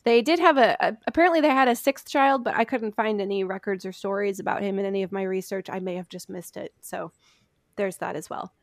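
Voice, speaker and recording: Speaking briskly at a medium pitch, a podcast host shares history research from her notes in a relaxed, friendly setting. She tosses in chatty jokes at her own expense, and the recording has studio quality without room sound.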